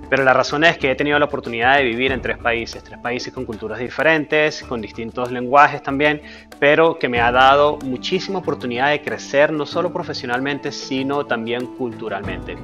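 A man, introducing himself to camera in a steady, earnest way with frequent fillers. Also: medium pitch, fairly quick, faint music behind. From Venezuela. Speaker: personal finance YouTuber. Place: dark studio with a screen backdrop.

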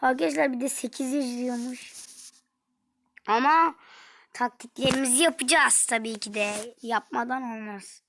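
A young woman commenting on her own gameplay, dropping to whispers and then shouting in frustration. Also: on the high side, moderate pace. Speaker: gaming streamer.

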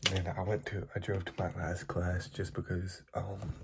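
A young man in his late teens chatting casually in a soft, close-up fast ASMR style, rambling and slangy, slightly under the weather. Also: sits low, level tone. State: getting over an illness. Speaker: ASMR video maker. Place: bedroom, indoors. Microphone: close, at arm's length from camera. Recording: loud noise of clicks and handling.

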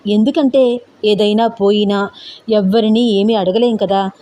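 Kind middle-aged mother-in-law, patient advice, mellow voice, read by a woman narrator, audio storybook. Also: mid-range voice, fairly even intonation, a little slow, close to an everyday voice. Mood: gentle advising. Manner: gentle, explaining.

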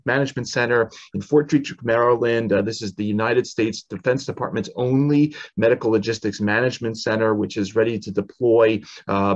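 A man's voice: medium pitch, muffled recording. A man in his forties hosting a podcast over a video call from a home office, reading a long guest introduction with frequent "uh" fillers. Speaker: podcast host. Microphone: headset on video call.

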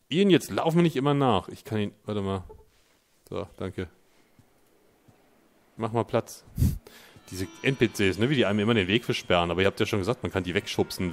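A man giving casual, joking commentary on a let's play, thinking out loud as he plays. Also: low voice.

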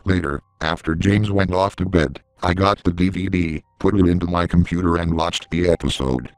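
A man giving scripted horror story narration in a steady, measured way, recorded on a close mic. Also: deep voice, smooth, dry recording, rough recording.

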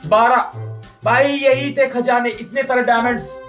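A man giving jokey, excitable commentary over a mobile adventure game, yelping and protesting whenever his character dies. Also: very high voice, a little slow, over music. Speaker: gaming YouTuber. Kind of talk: Hindi gameplay commentary.

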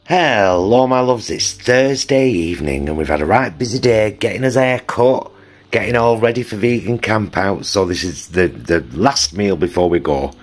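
Hosting a cosy food vlog, this middle-aged Northern English man talks in a warm, easygoing way, addressing his audience as "loves." He speaks at a moderate pace in a lowish voice.

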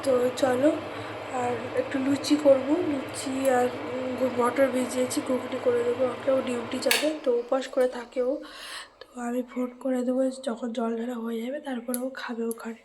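Hoarse woman chatting to her viewers like friends at home, highish voice, faint hum behind. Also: little pitch movement, moderate pace. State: hoarse from a cold. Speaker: vlogger. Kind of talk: casual home vlog chat. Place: home indoors.

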